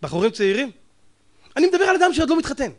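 A man preaching a sermon as a rabbi, emphatic and mocking, firing rhetorical questions and swinging between loud outbursts and low muttered asides. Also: sing-song.

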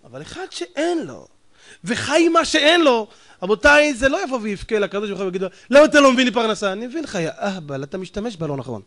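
High, bright-voiced scolding rabbi. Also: male voice, big pitch swings. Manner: emphatic, fires rhetorical questions, scolding and mocking; swings between loud outbursts and low muttered asides. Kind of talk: sermon.

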